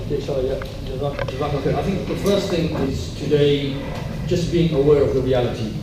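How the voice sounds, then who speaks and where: At a community talk, a male panel speaker gives an earnest, emphatic answer in a brisk, mid-range voice, repeating his main points. The public event is in a very echoey hall, picked up by a distant mic with faint noise.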